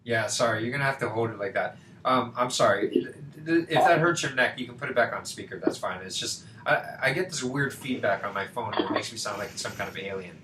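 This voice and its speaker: A man's voice: medium pitch, a little fast, bright, forceful tone. A man tutoring a student over a video call, talking casually with lots of fillers and rhetorical questions. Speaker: math tutor. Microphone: computer mic on a video call. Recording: echoey room with faint background noise.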